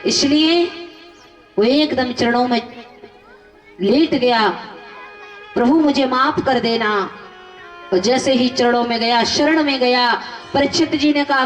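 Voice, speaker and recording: A woman preacher telling scripture stories in a devotional sermon, repeating lists and asking rhetorical questions. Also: high voice. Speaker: religious storyteller preacher. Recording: echoey hall from far off with music.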